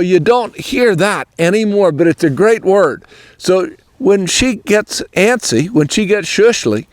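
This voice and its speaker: An older man chats through a horse-training lesson in a folksy, rambling way, as though telling a story. His voice sits a little high for a man. The sound is dry, with no room echo.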